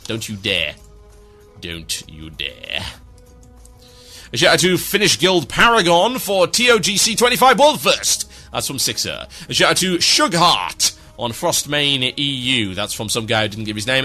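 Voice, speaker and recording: Over soft background music, a man hosts an online radio show, reeling off listener shout-outs with dry sarcasm and mock grandeur. His fairly high, bright voice rises and falls widely in pitch.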